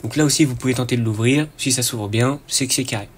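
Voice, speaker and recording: A man hosting a casual screen-recorded tech tutorial, relaxed and chatty, often pausing with fillers and a quick "hop" as he clicks. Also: mid-range voice, slight background noise.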